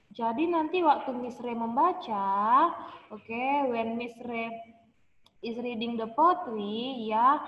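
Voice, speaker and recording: A woman teaching a class over a video call, speaking slowly and clearly, switching between Indonesian and English. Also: high-pitched. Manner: slow, clear, over-articulated teacher talk with frequent English prompts. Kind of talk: online class instruction, mixing Indonesian and English. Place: home room on a video call. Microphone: laptop mic on a video call. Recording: muffled echoey video call audio.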